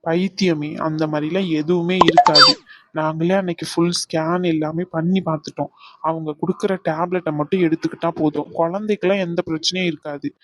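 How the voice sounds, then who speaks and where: A woman's voice: on the low side, no echo, natural voice. A woman voicing a middle-aged cartoon mother-in-law who talks firmly and reassuringly. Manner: firm, reassuring.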